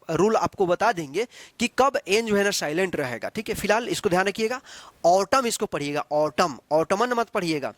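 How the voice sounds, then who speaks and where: High-voiced man teaching English pronunciation. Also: a bit bright, no echo. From Bihar, India. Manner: repetitive, asks questions and answers them himself; spells words letter by letter slowly. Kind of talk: classroom-style spelling and pronunciation lesson.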